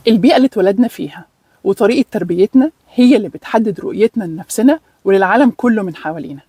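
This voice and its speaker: A woman's voice: mid-range voice, a little mellow, breathy edge, dry recording. A woman with an Egyptian Arabic accent presenting a self-help lesson, earnest and repeating key words for emphasis. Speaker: femininity course presenter.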